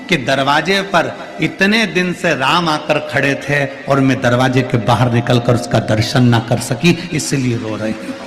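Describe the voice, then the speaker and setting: A man's voice: mid-range voice, steady tone, unhurried, few pauses, natural voice. A man voicing a devout grieving queen. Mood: devout, sorrowful. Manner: speaks her own lines in quoted dialogue. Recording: long hall reverb, faint music.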